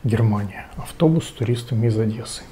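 A man in his forties reading out short jokes informally, in a low-key way with pauses. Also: mellow, a little hiss or hum. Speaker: joke teller. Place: home kitchen, indoors.

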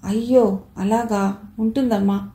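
A woman's voice: medium pitch, steady tone, measured pace, dark tone, lightly acted. A woman reading as a kindly old grandfather. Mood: fond. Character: kindly elderly man, grandfatherly and nostalgic. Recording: roomy echo.

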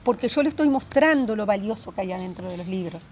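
A woman's voice: medium pitch, expressive, quick pace, a little mellow, a little hiss or hum. A woman co-hosting a storytelling show, talking in an emphatic way and often finishing her partner's sentences. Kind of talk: casual studio chat.

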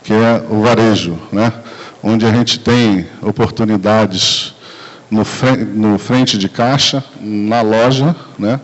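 A Brazilian-accented man speaks slowly in a lowish voice during a conference sales presentation, using a handheld mic in a big room. He sounds relaxed and conversational, often adding tag questions and fillers. The recording, made by a distant camera, has dull, lo-fi camcorder quality.

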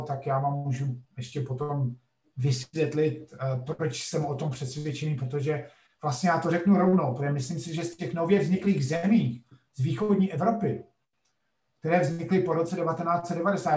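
A man's voice: a little high, steady tone, roomy sound, recorded from a distance. A middle-aged man, a geography professor, telling a story in a lecture-like way, emphatic, with frequent hesitation sounds. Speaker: podcast guest, geography professor.

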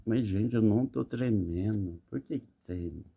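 Mellow-voiced Mineiro man filming outdoors. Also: fairly low pitch, measured pace, gravelly, slightly rough, highs cut off. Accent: Mineiro Brazilian Portuguese. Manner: insistent, talking to viewers while filming, repeats himself. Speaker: resident filming the night sky. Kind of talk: casual narration while filming. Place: outdoors at night. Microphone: phone camera resting on a wall.

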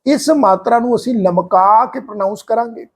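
A man with an earnest, explanatory manner, teaching the correct pronunciation of scripture and slowly chanting example lines. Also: high-pitched, slightly rough. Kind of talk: religious pronunciation lesson.

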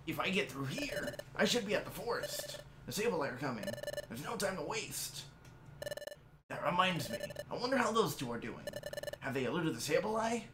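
A man's voice: on the high side, big pitch swings, moderate pace, background noise, voice pushed up. A man voicing a determined, secretive reptile creature on a mission, reading video game dialogue aloud. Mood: resolute, brooding. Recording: roomy, loud game music behind.

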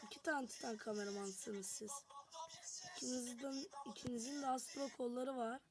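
A woman's voice: a little high, steady tone, moderate pace, noisy background. A woman giving chatty commentary on a game as she plays, talking straight to her viewers. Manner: chatty, talks to viewers while playing. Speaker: gameplay narrator. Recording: music playing behind.

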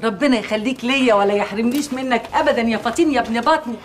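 A woman's voice: a little high, fast, a little hiss or hum, natural voice. An actress playing a doting Egyptian mother who fusses over her grown son with endearments. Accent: Egyptian Arabic. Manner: affectionate, fussing, endearments.

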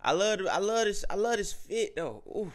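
High, lively man reacting excitedly. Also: normal speed. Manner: excitable, exclaiming, heavy slang and cursing. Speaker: reaction video host. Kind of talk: casual reaction commentary.

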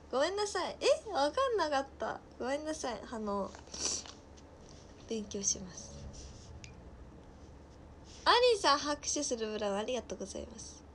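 A woman in her twenties with a Nagasaki dialect, chatting casually on a livestream and reading viewers' comments aloud, often trailing off into soft mutters. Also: high voice, slight background noise. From Nagasaki, Japan. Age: 20s. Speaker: livestream host.

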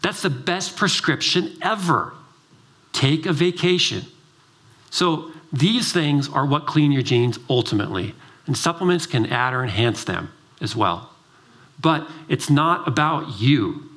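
A man's voice: medium pitch, takes it slowly. A middle-aged man, a doctor, giving an emphatic, driven summit presentation and telling stories with acted-out dialogue. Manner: animated storytelling, acts out dialogue. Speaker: doctor giving a conference talk.

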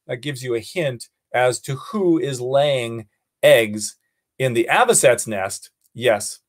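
Playful American naturalist teaching a class. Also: male voice, medium pitch. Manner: playful, animated, asks the class questions. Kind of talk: online class lesson.

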